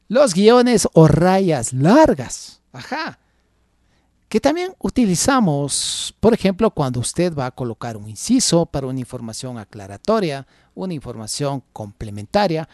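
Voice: a little slow, dry recording, studio quality. A radio host teaching academic writing who reads punctuation marks aloud, repeats each example and drops in "ajá" asides. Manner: lively, varied pitch with frequent "ajá" asides.

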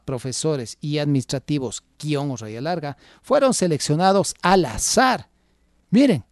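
On clean, dry studio audio, a radio host gives a lesson on academic writing, voicing punctuation marks out loud and going over each example twice. The delivery is lively and varied in pitch, peppered with "ajá" asides.

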